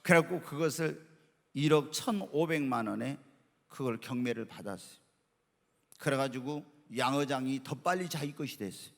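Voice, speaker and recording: A middle-aged man preaching a sermon as pastor, telling stories in an animated way and acting out quotes. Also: medium pitch, creaky. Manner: animated storytelling with acted quotes. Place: church sanctuary. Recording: long hall reverb.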